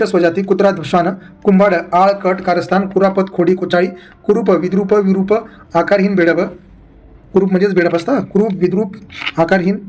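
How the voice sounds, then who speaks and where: High-pitched man, flat list-reading delivery. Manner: rapid list recital, words in pairs and short runs. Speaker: exam-prep teacher.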